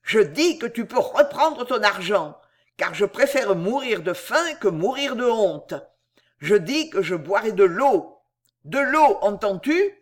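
Hot-tempered proud poet, voiced by a woman reader, declamatory, slow and weighty. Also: big pitch swings. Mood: raging indignation. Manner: indignant, booming, declamatory. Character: proud, indignant man poet, quick to rage.

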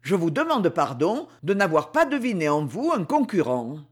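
A man's voice: high voice, very animated, normal speed, husky, full character voice. A man reading aloud, voicing an earnest, persistent man who speaks with courteous, formal insistence. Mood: polite.

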